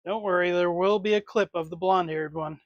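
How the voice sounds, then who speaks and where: A man's voice: sits high, fairly even intonation, brisk, dry recording, highs cut off. A man hosting a casual livestream, chatting and talking to himself as he swaps parts on figures. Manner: rambling, talks to himself as he works. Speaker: livestream host. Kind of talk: casual live chat while swapping figure parts.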